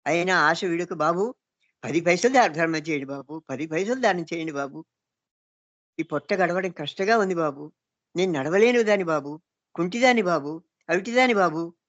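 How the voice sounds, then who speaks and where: A woman's voice: lowish voice, expressive, moderate pace, long pauses, no echo, close to an everyday voice. A woman voicing a poor lame beggar woman who begs plaintively for coins, on a dull, dry lo-fi recording. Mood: pleading. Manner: pleading, plaintive repeated appeals.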